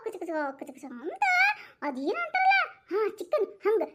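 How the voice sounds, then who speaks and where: A woman's voice: extremely high pitch, wildly swooping pitch, moderate pace, very noisy, pitched above the performer's own voice, heavily acted. A woman voicing a cheeky young woman who picks fights, speaking with a North Karnataka Kannada accent and a taunting, squabbling manner. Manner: squabbling, taunting, singsong teasing.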